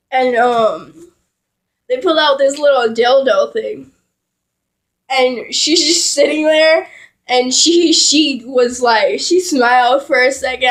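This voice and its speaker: A young woman vlogger telling a rambling story in a casual, profanity-heavy way, with laughing asides. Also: high voice.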